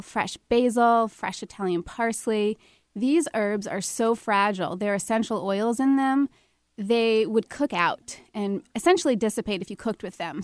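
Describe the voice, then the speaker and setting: A woman's voice: mid-range voice, dry recording. A woman with a New York accent, co-hosting a call-in show as a spice expert, talking enthusiastically and laughing often. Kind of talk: radio talk show.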